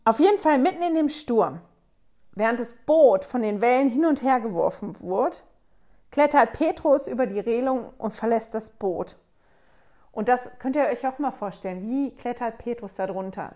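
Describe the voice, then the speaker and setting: A woman's voice: a little high, animated, normal speed, mellow. Chatty woman musing over scripture. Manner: conversational, wonders aloud, acts out quotes. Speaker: scripture study host. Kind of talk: casual Bible study talk.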